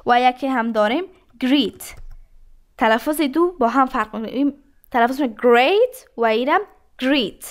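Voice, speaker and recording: A woman teaching an English lesson, reading English phrases slowly and then explaining each one. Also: sits high. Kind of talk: language lesson.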